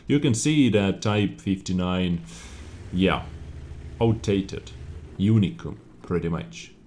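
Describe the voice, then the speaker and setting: A man's voice: low-pitched, lively intonation, takes it slowly, darkish tone, slight background noise. A man casually commenting on game update news, reading out each point and reacting to it. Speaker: gaming video creator.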